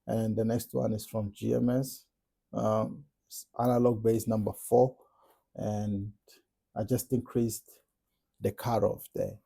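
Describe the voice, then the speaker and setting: Gravelly dark-voiced man explaining beats. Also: fairly low pitch, slow, pauses often. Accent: South African. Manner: relaxed step-by-step explaining. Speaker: music producer tutorial host. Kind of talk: casual production tutorial. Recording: music playing in the background.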